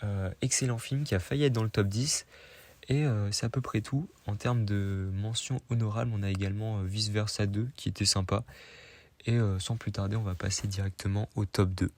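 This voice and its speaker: A man's voice: fairly low pitch, fairly even intonation, brisk, dry recording. A man reviewing his favourite films of the year in a casual monologue, hesitant and full of fillers and restarts. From Iranian heritage. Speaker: film vlogger.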